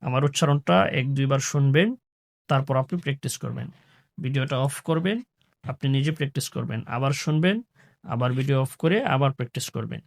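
A man teaching Quran pronunciation, chanting phrases slowly and then explaining in a quick, lower voice. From Bangladesh. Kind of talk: slow drawn-out recitation drills with quick spoken instructions.

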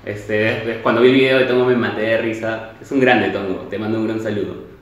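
A man's voice: fairly low pitch, steady tone, a little fast, highs cut off. A man, explaining himself casually and apologetically, with many fillers. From Peru. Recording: very echoey room.

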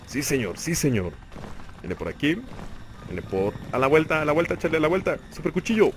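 A young man with a Mexican Spanish accent giving excitable play-by-play commentary on a shooter game, talking to himself and laughing often. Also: on the high side, a little fast. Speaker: gaming channel host. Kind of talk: live gameplay commentary. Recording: noisy game audio behind voice. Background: gunfire and game sounds.

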